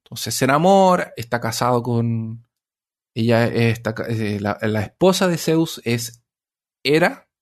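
A man's voice: medium pitch, expressive, a little slow. Man rambling through a myth retelling. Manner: rambling with many fillers and restarts, self-correcting. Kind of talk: casual storytelling in conversation.

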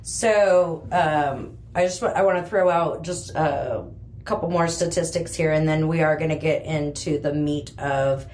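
A woman co-hosting a podcast who speaks slowly and carefully, laying out statistics one step at a time. Her voice sits slightly low, with a faint hiss behind it. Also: a little mellow. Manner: measured, reads out statistics. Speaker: podcast co-host. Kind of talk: casual chat.

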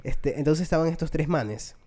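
A man's voice: a little high, moderate pace, dark tone. A young man in a casual chat, laid-back and teasing with slangy speech.

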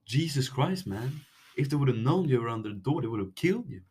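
A man's voice: medium pitch, expressive, fast talker, darkish tone, natural voice. A man acting a tough, streetwise boy who leads his gang of friends, brash and casual, in an amateur dramatic read-through. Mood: casual, keen.

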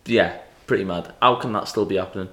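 A man's voice: deep voice, quick pace, sharp tone. Young male podcast co-host, crude storyteller, echoey room. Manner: crude, joking anecdote teller who mimics people. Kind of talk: casual chat, storytelling.

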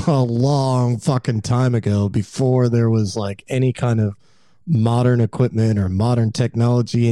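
A man's voice: medium pitch, warm tone, no echo, clean studio sound. A man co-hosting a podcast, chatting casually with a wry, joking manner. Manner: wry, joking, quick interjections. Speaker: podcast co-host. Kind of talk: casual chat.

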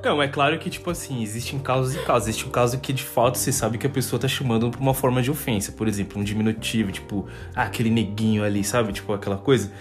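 A Brazilian man co-hosting a casual podcast chat, relaxed and slangy, with many fillers. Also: medium pitch, quick pace, hardly any pauses, music in the background. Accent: Brazilian Portuguese. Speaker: podcast co-host.

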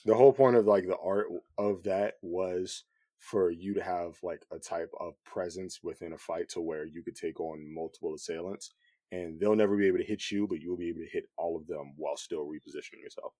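A man with a low, mellow voice talks through his camera work in a loose, easygoing podcast chat. He rambles, piling on fillers and restarts. The sound is dry and close, with no room around it. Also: brisk, no echo. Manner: relaxed, rambling, many fillers. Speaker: cinematographer guest. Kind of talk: casual podcast conversation.

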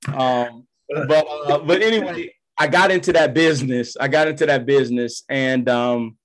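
A man's voice: mid-range voice, moderate pace. A former pro ballplayer talks as a podcast guest, with a voice that sits in the middle of the male range. He tells his story in loose, slangy language and acts out the voices of the people in it. The talk stays easygoing. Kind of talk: casual storytelling.

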